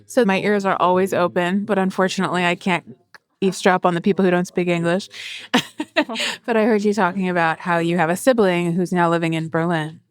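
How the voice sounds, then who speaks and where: A woman conducts a conversational interview, posing curious and gently probing questions. Her voice sits a little low, and she keeps a relaxed, easygoing tone. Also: a little fast, smooth. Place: hotel bomb shelter.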